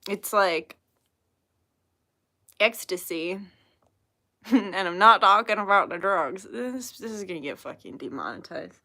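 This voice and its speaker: This young tarot reader chats casually on her livestream, reading viewers' messages aloud while swearing and laughing often. Her medium-pitched voice sounds animated, pushed and bright, moving a little slowly with frequent pauses.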